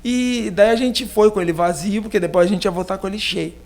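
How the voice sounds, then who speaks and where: Pastor guy with a gaucho southern brazil accent, high voice, kinda gravelly, rambling story with lots of fillers. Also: brisk. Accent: southern Brazilian, Rio Grande do Sul. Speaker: pastor being interviewed. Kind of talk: casual podcast storytelling.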